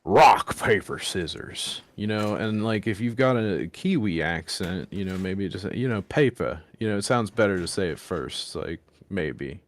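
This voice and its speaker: A man's voice: sits low, expressive, moderate pace, few pauses. An American man in casual chat, explaining things in detail and pressing his point. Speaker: podcast co-host. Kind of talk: casual chat about card games.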